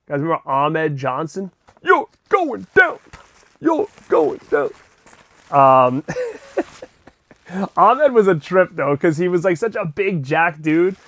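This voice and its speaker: A middle-aged man hosting a casual unboxing vlog, chatty and excitable, swearing now and then. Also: a little high, no echo. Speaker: collector vlogger and host.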